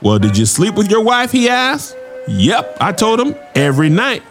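Man doing a wisecracking young pitchman, bouncy, lively voice, fairly high, soft music behind. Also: normal speed. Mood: salesman patter. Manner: wisecracking stand-up patter with sudden shouts. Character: joking young male salesman-comedian, cheeky and fast-talking. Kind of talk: comedic audio drama acting.

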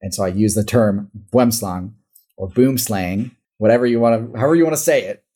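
Husky Midwestern man, rambling chat. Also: lowish voice, brisk, warm tone. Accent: Midwestern American. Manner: rambling, self-correcting, laughs often. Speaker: guest, animal-ranking YouTuber. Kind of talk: casual podcast conversation.

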